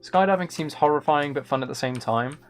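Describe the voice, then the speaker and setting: Soft background music underlies this gaming livestream, where the male host speaks a little fast in a slightly high voice. He chats casually, rambling and often doubting himself, with keyboard clicks and background noise clearly present.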